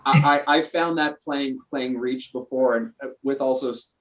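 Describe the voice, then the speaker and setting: A man's voice: medium pitch, fairly even intonation, moderate pace, a bit bright, slight background noise. A man hosting a casual online interview, chatty and jokey, often restarting his sentences. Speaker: interview host.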